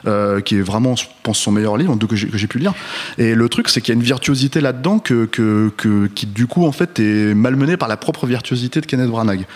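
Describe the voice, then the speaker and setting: A man's voice: medium pitch, fairly quick, a little mellow. A man in casual film-review chat, talking with many fillers and restarts as he builds his point. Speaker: film podcast co-host.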